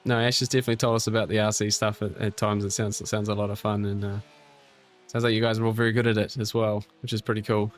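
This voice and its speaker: A man's voice: lowish voice, fast, a little hiss or hum. Chatty New man streaming. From New Zealand. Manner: relaxed and chatty, with frequent restarts and fillers while reading chat aloud; friendly, encouraging teammate. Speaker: live-stream host. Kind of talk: casual live-stream chat over sim racing.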